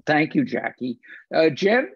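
This older host and film lecturer, probably in his 60s or 70s, speaks a little slowly in a husky, slightly high voice with big pitch swings. He leads a film discussion over a video call, stressing points by repeating phrases. There's no echo, but the desk-distance computer mic yields dull, lo-fi sound.

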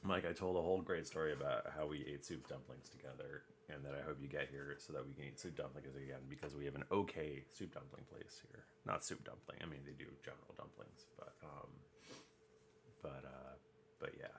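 Very deep, gravelly man chatting. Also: steady tone, brisk, a little hiss or hum. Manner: rambling with many restarts. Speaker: podcast listener and crafter. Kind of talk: casual chat while crafting.

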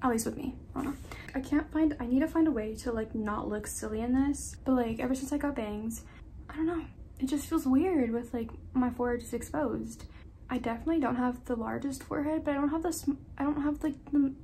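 A young woman talks through her routine in a loose, rambling way, with a slight lisp and the odd casual swear. Her voice sits a little high. A faint hiss runs under the home recording. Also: fairly quick, mellow, poor audio. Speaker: vlogger. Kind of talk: casual get-ready-with-me chat. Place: at home, indoors.

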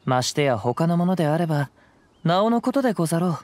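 A male actor playing a gentle, poetic young wandering samurai in a video game, speaking calm, measured, old-fashioned samurai Japanese. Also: fairly high pitch, no room sound. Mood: calm, thoughtful. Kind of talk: scripted game dialogue. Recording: clean voice over background music.

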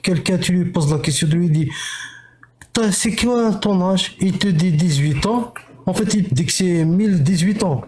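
A man's voice: high-pitched, darkish tone, reverberant. A middle-aged man in a heated live-stream debate, lecturing with scornful rhetorical questions over a video call. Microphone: headset, video call.

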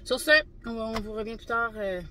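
A woman's voice: a little high, flat delivery, moderate pace, fairly bright tone, a little hiss or hum. A woman in her forties with a Québécois French accent, chatting with viewers on a casual travel vlog. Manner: chatty, talks straight to viewers. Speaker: vlog co-host. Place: car interior, then backyard pool outdoors. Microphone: phone camera at arm's length.

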